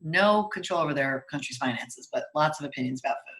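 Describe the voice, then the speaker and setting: A woman co-hosting a casual TV recap chat, joking and making quick asides. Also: low-pitched, expressive, a bit bright. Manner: chatty, jokey, quick asides. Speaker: co-host.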